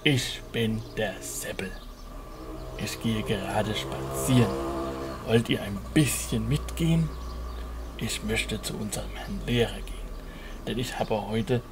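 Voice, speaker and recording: Man as Seppel, slow timid puppet-show schoolboy. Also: fairly low pitch, lightly acted. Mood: friendly. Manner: slow German puppet-show address to children, hesitant. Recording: noisy home puppet-stage recording.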